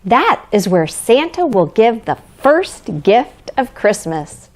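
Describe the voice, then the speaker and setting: A woman acts out a jovial male train conductor from a children's storybook. He is commanding and emphatic as he addresses the children. The words come unhurried, with a very animated rise and fall. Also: a little high, exaggerated voice. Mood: announcing.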